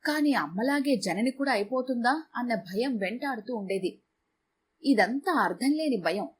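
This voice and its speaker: A woman's voice: fairly high pitch, breathy edge. A woman voicing a young married man who confesses how his mother's death still haunts him, in an earnest first-person storybook telling. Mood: fearful.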